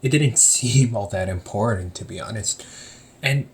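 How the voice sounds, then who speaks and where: The speaker is a man with a lowish voice that stays close to everyday speech and keeps a measured pace. In a relaxed one-sided audio roleplay, he plays a teasing, talkative young older brother who runs a hobby shop, laughing often as he speaks to the listener.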